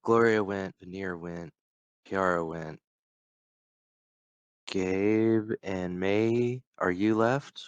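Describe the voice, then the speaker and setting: Deep, slow-talking game master. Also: male voice, clean tone, no echo, lo-fi sound. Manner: unhurried, descriptive narration. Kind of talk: narrating a tabletop game.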